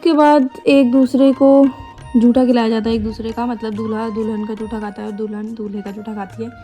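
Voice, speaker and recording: Young woman vlogger chatting over her wedding pics, kinda high voice, music playing under it. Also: flat delivery, brisk, warm tone. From Uttarakhand, India. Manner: chatty, rambling, with little laughs. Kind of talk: casual voice-over narration of wedding photos. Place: voice-over, not recorded at the pictured wedding. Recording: voice with clear background music.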